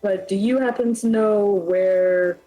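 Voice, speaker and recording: A woman's voice: medium pitch, steady tone, slow pace, warm tone, faint music behind, poor audio. A woman playing a tabletop game, talking casually and matter-of-factly. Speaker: player. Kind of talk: tabletop role-play chat.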